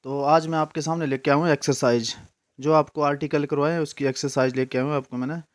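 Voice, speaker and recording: A man's voice: a little high, fairly even intonation, quick pace. A man giving a casual spoken grammar lesson, mixing in English terms and repeating his own questions before answering them.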